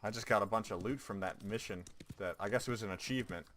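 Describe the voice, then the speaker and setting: A low-pitched man with a bright, forceful tone, talking casually through a game stream. He jokes and laughs as he plays, with a faint hiss of noise behind him. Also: fast talker. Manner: chatty, jokey, laughs often. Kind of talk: casual gameplay commentary.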